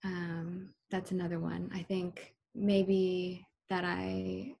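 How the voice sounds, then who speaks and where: A woman guest in an interview, speaking softly and thoughtfully with frequent pauses. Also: lowish voice, monotone, creaky, a little hiss or hum. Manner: soft-spoken, thoughtful, hesitant. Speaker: interview guest, model and photographer. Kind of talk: casual interview chat.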